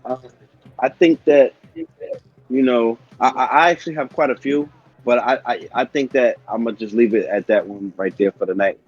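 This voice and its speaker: A man's voice: medium pitch, moderate pace. Guy rambling game feedback, stumbles over words, kinda dull lo-fi mic. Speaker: player giving feedback. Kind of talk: casual stream chat. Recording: muffled lo-fi mic.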